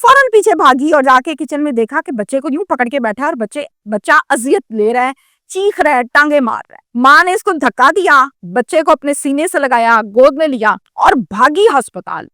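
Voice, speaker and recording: A woman with a Pakistani Urdu accent tells a crime story and then turns to indignant, lecturing commentary aimed straight at the listener. Her voice sits high and sounds sharp and bright. The recording is close and dry. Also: lively intonation, no room sound. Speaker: crime news presenter.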